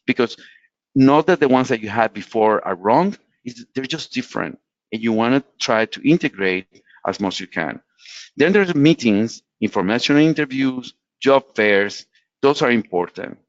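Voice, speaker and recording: A Latin American man speaking English gives a career advice talk in a mid-range voice, earnest and explanatory, frequently restarting his sentences. The webinar audio sounds dry and muffled, with no echo.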